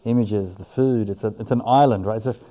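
Very mellow male podcast host. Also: fairly low pitch, fairly quick. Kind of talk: casual interview. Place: studio.

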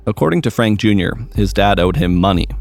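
A male reporter giving scripted narration in a measured, even way. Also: fairly low pitch, creaky, slight background noise.

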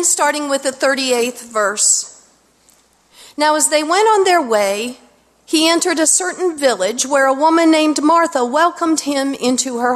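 A woman pastor preaching from a pulpit microphone, her higher voice unhurried and deliberate. Her words ring out in a church sanctuary with a long, lingering reverb. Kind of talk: sermon with scripture reading. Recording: long reverb of a large hall.

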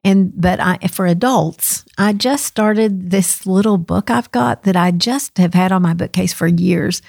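A woman talking as a guest in a casual studio conversation, animated and quick to laugh. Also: lowish voice, gravelly, dry recording. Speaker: curriculum specialist guest. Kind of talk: casual chat.

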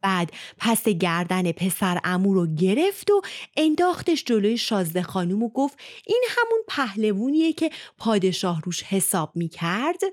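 A woman narrating a folk tale in a colloquial, expressive storytelling manner into a close studio mic. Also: medium pitch, no room sound.

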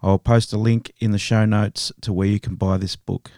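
A man hosting a podcast, narrating a true crime story in a steady, measured way. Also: on the low side, no room sound, studio quality. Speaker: podcast host.

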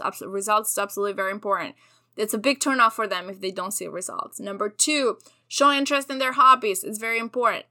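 Hyper, bright, over-caffeinated woman podcaster. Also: on the high side. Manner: chatty, emphatic, addressing listeners familiarly. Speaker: podcast host. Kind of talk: solo podcast advice talk.

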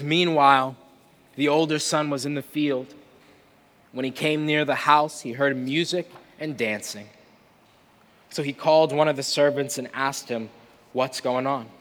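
A man with a mid-range, fairly bright voice delivers a conversational sermon, earnest and rhetorical, frequently checking in with his listeners. The recording carries the long echo of a reverberant hall.

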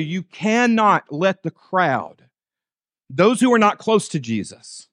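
A man delivers a sermon in a fairly high voice with a close, dry sound. He addresses listeners directly, leaning on repetition and pointed rhetorical questions for emphasis. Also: a bit bright, dry recording. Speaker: preacher. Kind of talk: sermon to a congregation with teenagers and parents.

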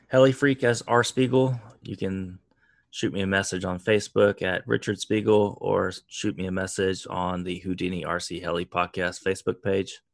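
A man's voice: low voice, gravelly, no room sound, clean studio sound. A man hosting a hobby podcast, signing off in a laid-back, joking way. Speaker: podcast host. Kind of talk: casual podcast sign-off.

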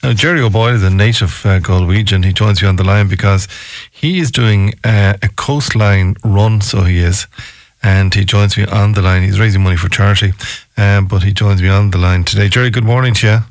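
A man's voice: on the low side, fairly even intonation, fast, no room sound. A man with a west of Ireland accent hosting a live radio phone-in, chatty, repeating himself and adding folksy tags. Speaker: radio host.

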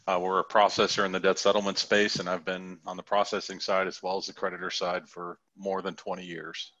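A man's voice: low-pitched, level tone, a little fast, pushed and bright, lo-fi sound. A man briefly introducing himself as an executive on a webinar panel.

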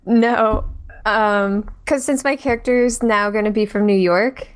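A woman's voice: medium pitch, a little slow, clear, resonant tone. A woman with a Midwestern American accent in casual podcast chat, talking loosely and filling her sentences with "like". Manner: chatty, fills with "like".

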